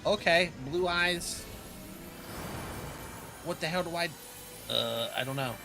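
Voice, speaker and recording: A man's voice: a little high, slow pace, vocal fry, over music. A man doing casual, slangy gameplay commentary, reacting and joking to himself as he plays. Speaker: video game streamer.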